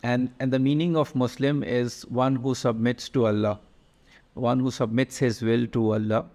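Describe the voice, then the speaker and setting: A man talks through a slide-based lesson in a gravelly voice. He moves step by step, stopping and restarting often and filling the gaps with little sounds. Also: medium pitch, fairly even intonation, moderate pace, warm tone. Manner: explains step by step with many fillers and restarts. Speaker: language teacher.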